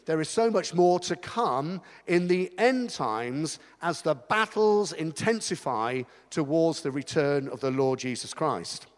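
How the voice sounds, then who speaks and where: A man's voice: a little high, animated, a little slow, hardly any pauses. A man preaching a sermon as pastor, chatty and self-mocking, in a church hall. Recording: long hall reverb.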